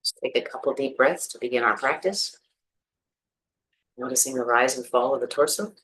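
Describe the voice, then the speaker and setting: With a medium-pitched voice at normal speed, a meditation teacher gently and soothingly takes listeners through a practice, spacing out the instructions. The recording is rough.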